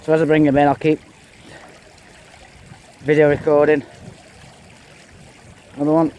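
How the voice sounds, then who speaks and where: A man's voice: on the high side, little pitch movement, measured pace, mellow, clean tone. A man with an English accent giving casual running commentary while fishing outdoors, counting each catch aloud as he wades in a river. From England. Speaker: angler vlogger. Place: outdoors on a windy riverbank, wading. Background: flowing water and wind.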